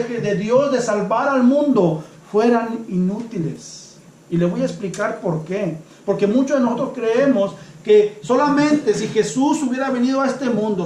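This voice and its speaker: A male pastor preaching a sermon to his congregation, calling them brothers, swinging between loud and hushed and slowing down for emphasis. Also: very high-pitched, roomy sound, rough recording. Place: church.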